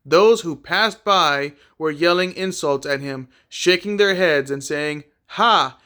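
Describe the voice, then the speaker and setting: A man reading a Bible chapter aloud in a plain, unhurried way, with a few small slips and repeated words. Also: fairly high pitch, sharp tone, smooth. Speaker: scripture reader.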